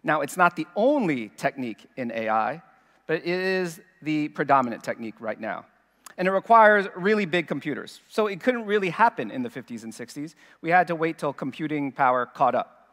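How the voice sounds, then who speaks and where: A man in his forties gives a keynote on a large stage, his voice a little higher than most men's. He explains in an easy, conversational way through a headset mic, and a long reverb trails from the hall. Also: sing-song, a little fast, fairly bright tone. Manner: explanatory, conversational, addresses audience directly. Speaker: keynote speaker. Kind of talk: conference keynote talk.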